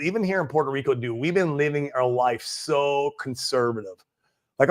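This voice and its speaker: A man in his forties hosting a casual livestream, chatting in a laid-back, slangy way and peppering his talk with "man" and "dude". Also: medium pitch. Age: 40s. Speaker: livestream host. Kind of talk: casual livestream chat reading viewer comments. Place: home in Puerto Rico.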